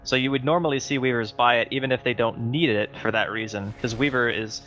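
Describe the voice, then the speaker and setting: A male esports caster with a bright, edgy tone talks through the draft in an analytical, chatty way. Faint music plays underneath his voice. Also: medium pitch, fairly even intonation, brisk. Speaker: esports commentator. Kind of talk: live game commentary.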